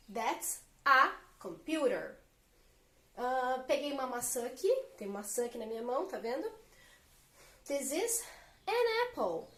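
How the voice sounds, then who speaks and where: A woman with a high voice teaches English grammar at a whiteboard. She explains step by step and keeps asking her students rhetorical questions. The sound is roomy and echoey. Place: room with a whiteboard.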